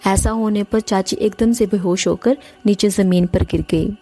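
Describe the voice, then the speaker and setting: A woman's voice: medium pitch, steady tone, moderate pace, mellow. A woman narrating a first-person horror story in an earnest, emotional way, speaking directly to her listeners. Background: faint music.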